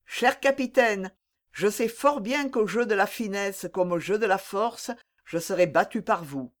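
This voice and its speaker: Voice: mid-range voice, a little slow, close to an everyday voice. A reader voicing an anguished, lovesick young nobleman who pleads earnestly, in an audiobook reading of a classic novel. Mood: pleading.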